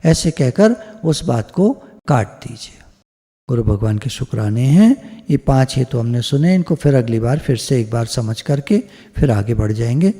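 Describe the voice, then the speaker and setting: A man's voice: mid-range voice, very animated, moderate pace, warm tone. A man giving a devotional sermon over a video call, explaining step by step and slipping English phrases into his Hindi, in an echoey recording. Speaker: spiritual discourse speaker.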